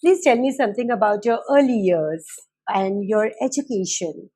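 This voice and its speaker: A woman with an Indian accent, hosting a formal interview in deliberate, measured phrases. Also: medium pitch, warm tone, husky. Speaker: talk show host.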